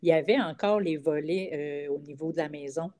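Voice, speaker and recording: Low, mellow-voiced Québécois woman. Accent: Quebec French. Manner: halting, frequent "euh" fillers. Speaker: comedian guest. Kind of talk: casual interview chat.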